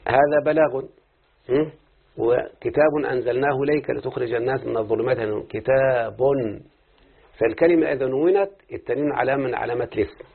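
A male teacher gives a grammar lesson, checking in with his students through frequent questions. His voice is raspy with a gravelly edge. The recording is thin and tinny, like a phone line. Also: medium pitch, fast talker. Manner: quizzing students with rhetorical questions.

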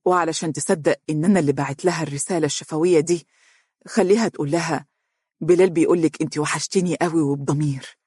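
A narrator voicing a tender imprisoned husband with an Egyptian accent. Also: male voice, on the high side, fairly even intonation, quick pace, darkish tone, slightly rough, no echo, studio quality. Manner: tender, wistful.

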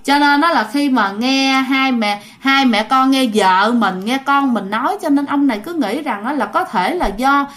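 A woman's voice: high-pitched, normal speed, few pauses, a bit bright. A woman telling a ghost story in a chatty way, speaking directly to her listeners. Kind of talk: casual ghost story narration.

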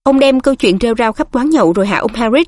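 A woman's voice: fairly high pitch, lively intonation, fast, darkish tone, no echo. A woman reading as a stern cold professor. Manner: curt, cold.

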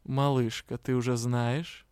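A man's voice: mid-range voice, level tone, a little slow, a little mellow, clear, resonant tone, no room sound, studio quality, pitched below the performer's own voice, natural voice. A man reading an audiobook, voicing a smug, lazy male cat spirit who talks in a languid, self-satisfied way.

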